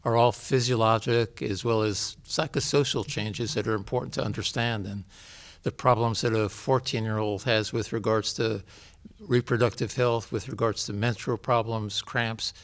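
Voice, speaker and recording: A man in his seventies from New York, a pediatrician and professor, answering interview questions in a measured, explanatory way. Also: fairly low pitch, fairly even intonation. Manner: measured, explanatory, listing facts.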